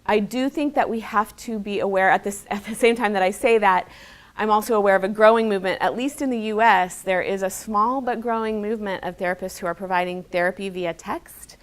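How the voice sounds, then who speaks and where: A woman's voice: mid-range voice, fairly quick. A woman speaking as an expert guest, earnestly answering questions and stressing key words as she rephrases. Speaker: expert guest, mental health specialist. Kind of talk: answering audience questions at a talk.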